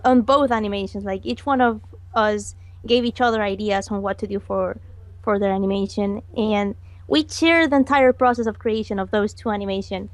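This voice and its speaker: A woman animator answers questions in a casual online interview, hesitant and giggly with many fillers. Her voice is medium pitch, with no room sound.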